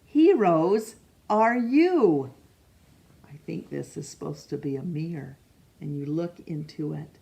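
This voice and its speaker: Here a storytime reader with a low, expressive voice marked by vocal fry shares a picture book with children. She reads gently and slowly, stops to put questions to the listener, and now and then rereads a name she has stumbled on.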